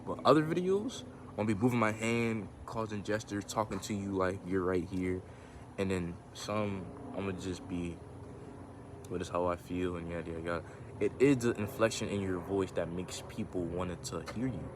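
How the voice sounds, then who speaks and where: Holding his phone camera outdoors in the sun, a low-voiced man vlogs casually at a normal pace, rambling and reflecting with lots of restarts and fillers. His voice can turn monotone, and there's background noise.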